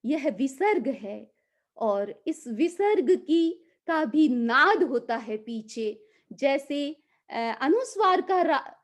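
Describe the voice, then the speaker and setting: A woman giving a calm, slow mantra lesson, drawing out the chanted syllables. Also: sits high. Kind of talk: guided mantra pronunciation lesson.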